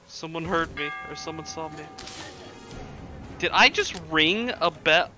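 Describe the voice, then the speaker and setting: A man giving casual live gameplay commentary, excitable and sweary, sometimes stammering. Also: on the high side, unhurried, music in the background. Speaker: live game streamer.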